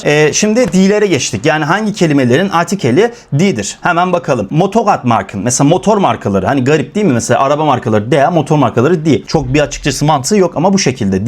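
A young man teaching German grammar, listing examples one by one with many filler sounds. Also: on the high side. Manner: lively, repeats examples, fillers "e". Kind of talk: explaining grammar lesson in Turkish.

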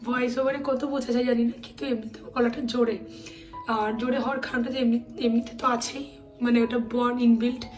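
Woman vlogger, 30s, hoarse, high-ish, faint music behind. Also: little pitch movement, fairly quick. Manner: chatty, storytelling. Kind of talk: casual vlog narration.

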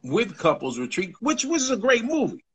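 A man hosting a podcast in casual chat, thoughtful and slow, often restarting phrases. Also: high-pitched, huge pitch swings, a loud crowd. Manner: thoughtful, restarts phrases, stretches words slowly. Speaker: podcast host.

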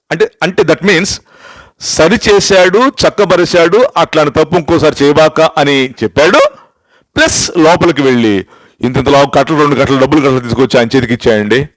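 An older male pastor delivers an emphatic, sermon-style testimony, telling stories and asking one rhetorical question after another. He switches into English phrases for emphasis, and his voice is on the high side, in a poor-quality recording with no room sound.

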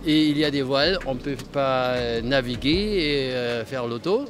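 An older man speaks at a measured, halting pace into a handheld mic in a city square, choosing his words with care. Music plays clearly behind him. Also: mid-range voice. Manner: slow, careful, halting phrasing. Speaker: interviewee. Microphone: handheld mic held by interviewer.

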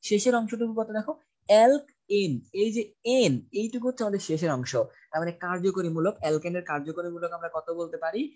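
Male tutor, dark mellow tone, patient drilling style, asks and answers his own questions. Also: high-pitched, fast. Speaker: chemistry tutor. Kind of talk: online class lecture.

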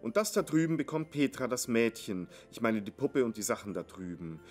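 A man voicing a hurried middle-aged businessman father who briskly gives instructions. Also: medium pitch, expressive, soft background music, lightly acted.

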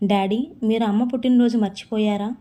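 A woman's voice: mid-range voice, steady tone, brisk, warm tone, lightly acted. A woman voicing a young girl who misses her late mother, with plain, earnest, pleading lines in a storybook reading. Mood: sorrowful.

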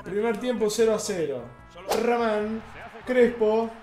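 A man with an Argentine accent narrates his own football video game match live, cheering and shouting at the referee. His voice sits very high. It rings in an echoey room with game music playing faintly behind. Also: slow pace. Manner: loud cheering, yelling at the referee. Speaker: gaming streamer. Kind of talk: excited live gameplay commentary.

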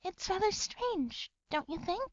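A woman's voice: very high voice, lively intonation, measured pace, no echo, highs cut off. A woman playing a curious, polite young listener in an amateur radio play.

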